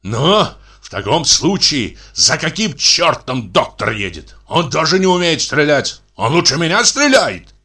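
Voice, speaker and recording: Male reader as a shrill, insulting ex-captain; loud, piercing tenor, bright tone. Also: very animated, unhurried, full character voice. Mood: indignant. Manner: yelling insults, mocking. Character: shrill quarrelsome retired naval captain, man.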